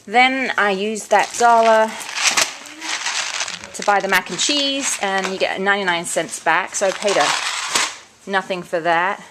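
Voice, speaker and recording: Speaking a little slowly and pausing often, a woman with a medium-pitched voice walks through her shopping haul in a casual home vlog, covering items, coupons and prices. Crinkling bags and clicks make the indoor recording noisy.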